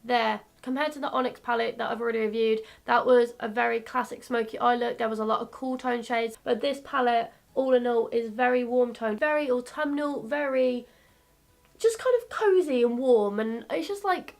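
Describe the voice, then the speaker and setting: A bubbly 22-year-old woman chatting through a makeup tutorial, croaky from a coming cold, self-mocking and chatty. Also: on the high side, moderate pace. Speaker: beauty YouTuber. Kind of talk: casual makeup tutorial chat.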